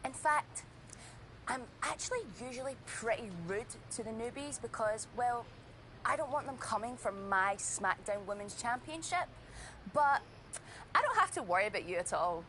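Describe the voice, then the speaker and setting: A woman's voice: normal speed, a little hiss or hum. An actress with a Scottish accent playing a smug, scheming woman wrestling champion in video game dialogue. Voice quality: bright, lively and mocking, with high laughs.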